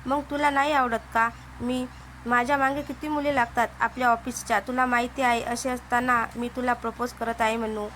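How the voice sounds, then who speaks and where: A woman's voice: a little high, little pitch movement, normal speed, a bit bright, a little hiss or hum, natural voice. A woman voicing a persuasive young male boss. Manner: coaxing, insistent.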